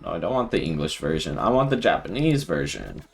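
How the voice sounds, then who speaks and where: A man streaming live and thinking out loud with casual commentary, laughing often. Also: deep voice, big pitch swings, fairly quick, gravelly, husky, soft background music. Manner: thinking aloud, frequent laughter.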